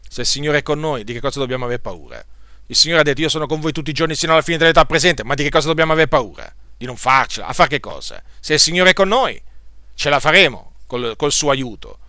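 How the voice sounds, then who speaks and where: A man's voice: on the high side, lively intonation, quick pace, sharp tone, dry recording, clean studio sound. A man preaching a sermon to his congregation, asking rhetorical questions and urging them on. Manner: rhetorical questions, emphatic exhortations.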